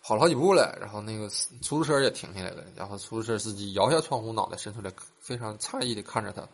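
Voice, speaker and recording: A man telling a string of short funny stories in a casual way, laughing loudly at his own punchlines. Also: lowish voice, expressive, fast, creaky, a little hiss or hum. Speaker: joke teller. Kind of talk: casual joke storytelling.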